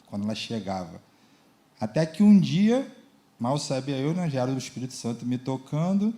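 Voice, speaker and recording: A man's voice: mid-range voice, big pitch swings, normal speed, mellow. A man with a Brazilian accent telling his personal testimony at a church service, in plain storytelling style. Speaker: church member giving testimony. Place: church service before a congregation.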